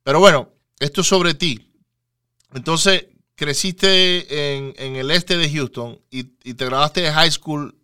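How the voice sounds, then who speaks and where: A man hosting a Spanish-language podcast interview, casual and halting, with lots of fillers and repeated words. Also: on the high side, pushed and bright, clear, resonant tone, dry recording, clean studio sound. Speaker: podcast host. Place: lives near Houston, Texas.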